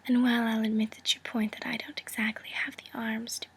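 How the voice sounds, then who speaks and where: A woman's voice: on the high side, little pitch movement, a little fast, a bit bright, full character voice. Woman playing a whispering mobster woman, friendly threat. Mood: veiled threat. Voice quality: breathy whisper. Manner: friendly threat, smooth and teasing menace. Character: cool, calculating woman mobster proposing a partnership. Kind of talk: whispered role-play.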